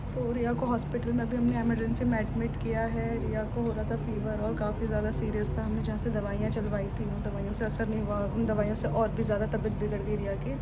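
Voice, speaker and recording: A young woman vlogger telling a story in a chatty, expressive way and mixing in English words. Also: a little high, heavy background noise. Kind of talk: casual vlog storytelling.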